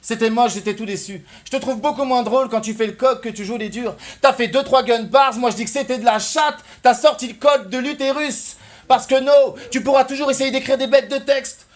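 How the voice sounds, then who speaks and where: A French man delivering mocking, loud rap battle verses aimed at his opponent. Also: extremely high pitch, fairly quick. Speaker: battle rapper.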